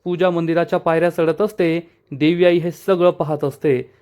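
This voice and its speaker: A man's voice: on the high side, fairly even intonation, moderate pace, a little mellow. A man retelling a TV serial episode plot step by step as a storyteller, addressing listeners as friends.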